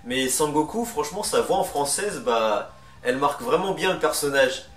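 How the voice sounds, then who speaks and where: A man's voice: fairly high pitch, animated, moderate pace. Roomy, distant-sounding man presenting a countdown. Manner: informal, chatty, opinionated. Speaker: video host presenting a ranking. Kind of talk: casual countdown commentary. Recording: roomy, distant mic, music underneath. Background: music.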